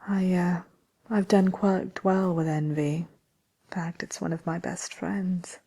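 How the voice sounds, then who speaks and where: A woman voicing the smug, envious Wicked Witch in a soft ASMR roleplay, talking slyly and haughtily with hesitant pauses. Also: fairly low pitch, level tone, exaggerated voice. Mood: smug, amused. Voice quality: breathy, creaky, often near whispering. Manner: sly, haughty, hesitant with many drawn-out pauses. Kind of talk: ASMR roleplay, soft-spoken chatty answers to listener questions.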